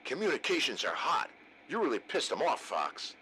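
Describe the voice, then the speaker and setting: Very animated, chummy prisoner. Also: male voice, mid-range voice, moderate pace, a little hiss or hum, low-quality recording. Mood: amused. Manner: chummy, amused, informal. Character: jovial male fellow prisoner, joking buddy on the radio. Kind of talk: video game dialogue.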